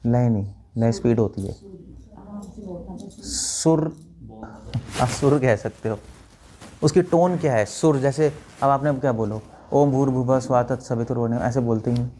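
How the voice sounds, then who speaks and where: A monk gives a spiritual talk to a live group. His voice is dark and mellow. He quizzes his listeners and chants lines to show how they should sound. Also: medium pitch, unhurried, long pauses, slight background noise. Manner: questioning listeners, demonstrating chants. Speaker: monk teacher.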